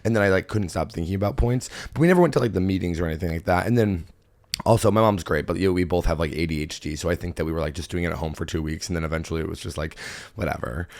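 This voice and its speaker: Male comedy podcast host, slightly low voice, rambling and self-deprecating, breaks into laughs often; casual banter. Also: very fast, a little mellow. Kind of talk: casual chat.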